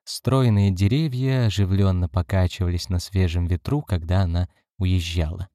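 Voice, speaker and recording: Calm, low male audiobook narrator. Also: no room sound, studio quality. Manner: measured, calm reading.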